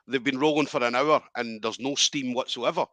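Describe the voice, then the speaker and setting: A man's voice: mid-range voice, fairly quick, bright, forceful tone, no room sound. A man hosting a casual interview, chatty and upbeat as he leads the questions.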